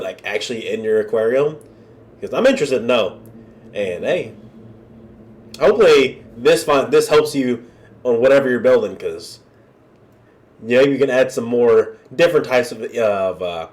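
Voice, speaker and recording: A man hosts a casual reaction video while under the weather, his nose stuffed and his voice nasal. His pitch swings in a lively way on the middle-to-high side. He talks colloquially and directly to his viewers. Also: moderate pace. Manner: colloquial, chatty, addressing viewers as y'all. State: under the weather with a cold, wearing a nose strip.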